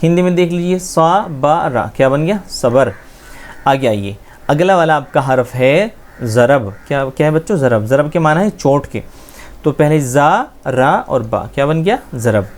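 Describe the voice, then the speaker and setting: A man's voice: medium pitch, expressive, normal speed, darkish tone. A man teaching a beginners' script lesson, patiently spelling out letters and asking questions that he answers himself. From India. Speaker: Urdu teacher.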